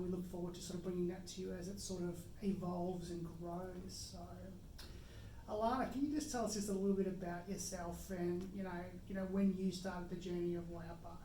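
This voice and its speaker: A woman's voice: fairly low pitch, level tone, fairly quick, dark tone, slight background noise. An Australian woman hosting a podcast, upbeat and a bit hesitant, with many fillers as she chats. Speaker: podcast host. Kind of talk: casual conversation. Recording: echoey room, mic at a distance.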